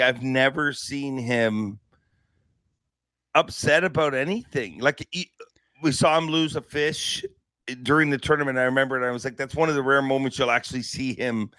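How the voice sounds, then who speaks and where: A man's voice: mid-range voice, moderate pace, bright, forceful tone, no room sound. A man hosting a podcast in casual chat, talkative, laughing easily and restarting his sentences. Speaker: podcast host.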